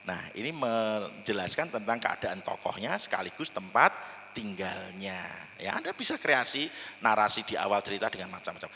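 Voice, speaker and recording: Lively male storytelling teacher. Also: lowish voice, moderate pace, slight background noise. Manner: lively, demonstrative, playful with the audience. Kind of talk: storytelling workshop lesson. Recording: long hall reverb.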